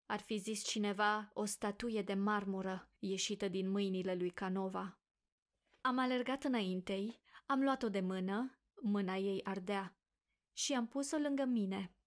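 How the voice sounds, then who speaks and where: A woman narrating a classic literary audiobook in a measured, formal way. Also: medium pitch.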